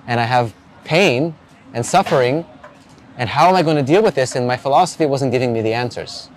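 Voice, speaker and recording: A man in his forties interviews a stranger outdoors beside the ocean, a street evangelist asking earnest, probing questions about faith and often restarting them. His voice is medium-pitched and fairly quick, with a slight hiss or hum in the recording.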